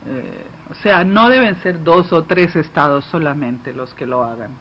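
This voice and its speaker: High-pitched man interpreting, slow and halting. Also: lively intonation, fairly bright tone. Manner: halting, phrase-by-phrase delivery. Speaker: conference interpreter. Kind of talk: live simultaneous interpretation of a political speech. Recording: dull lo-fi feed, faint background noise.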